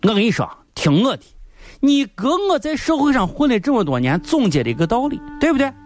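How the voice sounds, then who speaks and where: A man's voice: extremely high pitch, very animated, brisk. An actor with a Shaanxi accent playing a talkative, fussy male boss in a comedy sketch, rambling and repeating exclamations. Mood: boastful, reassuring. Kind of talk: comedy sketch dialogue in dialect. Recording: music playing behind the voice.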